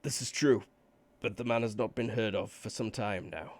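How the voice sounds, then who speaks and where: A man running a tabletop game as game master, narrating in a relaxed way over voice chat. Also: fairly low pitch, normal speed.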